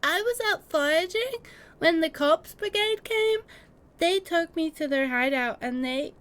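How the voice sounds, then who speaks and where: Woman voicing a very high-pitched, fragile young refugee. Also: lively intonation, a little slow, a bit bright, exaggerated voice. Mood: tearful, shaken. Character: frightened, tearful young woman, a fantasy refugee. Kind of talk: hammy fantasy game voice-over.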